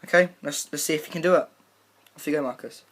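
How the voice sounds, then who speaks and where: A man's voice: on the high side, quick pace, a bit bright. A young man hosting a casual prank vlog in an informal, matey way. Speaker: video host.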